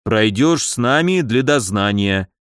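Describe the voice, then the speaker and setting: A man voicing a stubborn middle-aged guard sergeant in an audiobook, talking in a slow, measured, insistent way. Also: mid-range voice, animated, a bit bright, dry recording, studio quality, pitched below the performer's own voice. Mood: stern.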